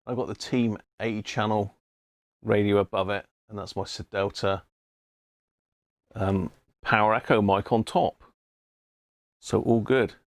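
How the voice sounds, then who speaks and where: In his indoor radio room, a British man streams a laid-back hobby chat about CB radio, thinking out loud and throwing matey remarks to his audience. His fairly low voice has fairly even intonation and a slightly slow pace with frequent pauses, and the recording is dry with clean studio sound.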